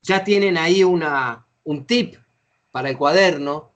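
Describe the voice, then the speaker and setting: A man's voice: a little high, unhurried, fairly bright tone. A middle-aged Argentine man runs a facilitator training session, talking at length in a slightly raised voice. He explains in a chatty way and acts out short example phrases. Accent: Argentine Spanish.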